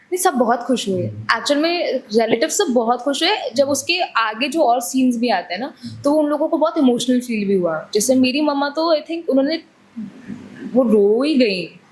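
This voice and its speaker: A woman's voice: high-pitched, expressive, moderate pace, a little hiss or hum. A woman actress, a guest in a casual interview, chatting freely, laughing often and acting out lines quoted from the set.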